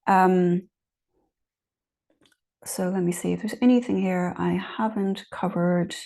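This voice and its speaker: Mellow-voiced woman teaching informally. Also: lowish voice, steady tone, slow, creaky. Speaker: spiritual teacher answering participants' questions. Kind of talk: informal guided teaching on meditation.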